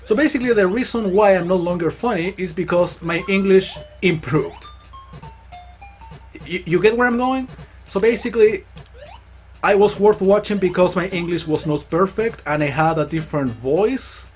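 A man's voice: sits high, moderate pace, soft background music. A Chilean man whose first language is Spanish, speaking English with a Chilean accent, hosting a gaming stream and talking in a reflective, rambling way with frequent restarts. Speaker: gaming channel host. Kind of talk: casual live-stream commentary while playing.

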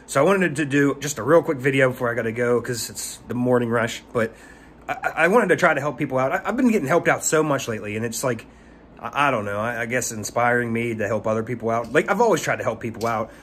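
A husky man in his thirties, medium-pitched and a bit bright, talks fast with lively intonation. He owns a pressure washing business and gives rambling tips in a casual talking-head vlog, stumbling and repeating words. He records on a phone held at arm's length in a small room.

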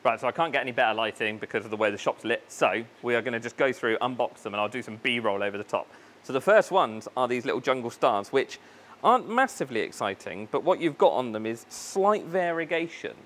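A man's voice: mid-range voice, lively intonation, brisk, fairly bright tone. A man hosting a casual unboxing vlog in his aquarium shop, chatty and enthusiastic, thinking aloud and tripping over plant names. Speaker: fish shop owner and video host.

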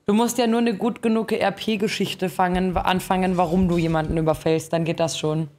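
Speaking at a normal pace in a fairly low, steady, slightly mellow voice, a young woman gaming streamer chats casually with youthful slang while commenting on her gameplay. She's at an indoor streaming setup with game music behind her.

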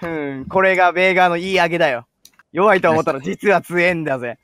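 A man playing an online game with friends, calling out moves quickly in excited voice chat. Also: fairly high pitch, no echo. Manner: rapid repeated callouts. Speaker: game player.

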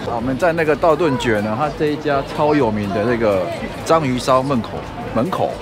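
A man's voice: medium pitch, fairly quick. A man with a Taiwanese Mandarin accent chatting through a casual travel vlog, narrating food and shops as he walks a city street. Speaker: vlogger. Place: busy city street outdoors. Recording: street crowd and loud music behind.

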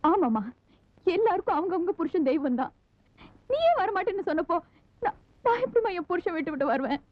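A tearful young wife. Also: female voice, very high-pitched, lively intonation, brisk, no room sound. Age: young adult. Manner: tearful, pleading. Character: young devoted wife, tearful and pleading daughter. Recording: dull, dry old film soundtrack.

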